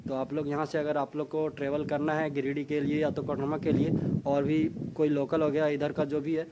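A man's voice: a little high, flat delivery, brisk, very noisy. Chatty young man from India vlogging outdoors. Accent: Jharkhand Hindi. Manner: chatty, repeats "guys" often. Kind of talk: casual walking travel vlog. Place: outdoors at a small railway station.

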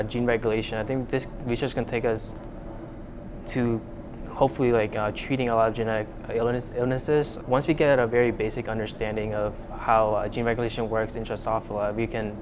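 A man's voice: fairly low pitch, background noise. Young man, hesitant, lots of fillers. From Vietnam. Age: young adult. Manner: hesitant, many fillers and restarts. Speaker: undergraduate lab researcher. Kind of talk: casual explanatory interview. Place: university lab, indoors. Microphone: lapel mic.

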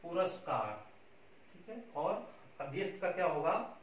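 A high-voiced man at normal speed teaches Hindi spelling, checking in with "theek hai" after nearly every point in a coaxing, instructive way. The sound is very echoey and distant, with a faint hiss.

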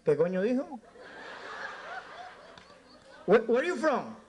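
A man's voice: extremely high pitch, big pitch swings, slow, darkish tone, a little hiss or hum. A man with a Cuban accent doing live stand-up in a nightclub, brashly teasing the audience and slipping into broken English. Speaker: stand-up comedian working the crowd.

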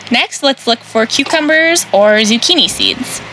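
A young woman, a farm educator, giving clear, patient step-by-step gardening instructions. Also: fairly high pitch, lively intonation, unhurried, sharp tone, a little hiss or hum, low-quality recording. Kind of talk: instructional demonstration.

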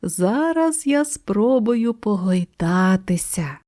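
A woman's voice: medium pitch, takes it slowly. A woman voicing a cheerful, dreamy female cow who is playful and curious. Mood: calm curious. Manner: lively, gently exclaiming.

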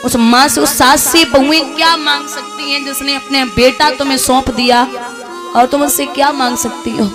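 A woman's voice: high-pitched, steady tone, moderate pace. A woman religious storyteller giving an emotional, preaching devotional sermon with music playing behind.

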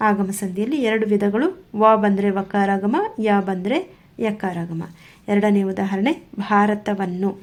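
A woman's voice: mid-range voice, darkish tone. A woman teaching a grammar lesson, going through examples one by one in a methodical, repetitive way. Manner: slow, methodical, repetitive explaining.

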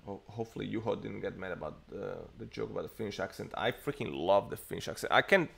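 Talking fast with lively intonation, an Italian man in his thirties has a husky, somewhat bright voice on the low side, with vocal fry. He rambles casually and uses many fillers on a tech livestream, recorded in a home study full of bookshelves on an earphone headset mic via webcam.

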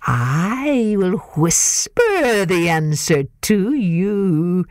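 A woman voicing a sly male crocodile who speaks in slow, drawn-out, coaxing words. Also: lowish voice, big pitch swings, darkish tone, heavily acted.

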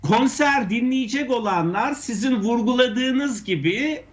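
A man speaking as an anthropologist guest on a news show, giving critical commentary in a halting way full of pauses, restarts and rhetorical questions. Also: very high-pitched, lively intonation.

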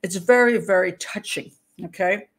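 A criminal profiler in her later years hosts a casual livestream from home, speaking into a webcam at an average middle pitch for a woman. Her voice is slightly hoarse and she clears her throat at times. Her talk is loose and rambling, full of broken-off thoughts and easy laughter.

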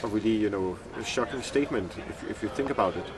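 A man in his thirties with a Danish accent gives reflective interview answers, halting as he searches for words. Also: on the low side, a crowd in the background. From Denmark. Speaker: filmmaker being interviewed. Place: outdoor courtyard among glass buildings. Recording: distant mic outdoors, urban bustle behind.

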